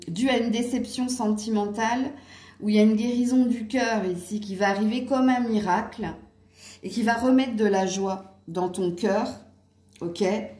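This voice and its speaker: A woman's voice: mid-range voice, dark tone, roomy sound. A woman doing a casual angel card reading, chatty with many fillers and small laughs. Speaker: card reader.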